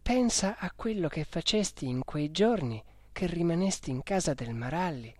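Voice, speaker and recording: A reader of a storybook voicing a worried middle-aged mother who speaks in a hushed, anxious warning tone. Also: medium pitch, expressive, moderate pace, no room sound, voice pushed up, natural voice.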